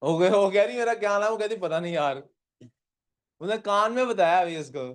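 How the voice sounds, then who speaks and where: A man's voice: high-pitched, a little fast. A man teaching a physics class. He reads questions out in English, explains them in Urdu and keeps quizzing his students. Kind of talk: classroom lecture.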